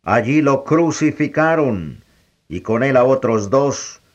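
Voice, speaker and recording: A man narrating scripture as an audiobook reader, in a measured, even way. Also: medium pitch, dull audio. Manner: slow, measured, even reading.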